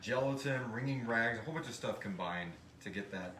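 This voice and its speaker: A man with a lowish voice speaks briskly as he hosts a casual live question-and-answer chat, reading listener questions in a jokey way as the podcast's creator. The live recording sounds roomy and echoey, with background noise.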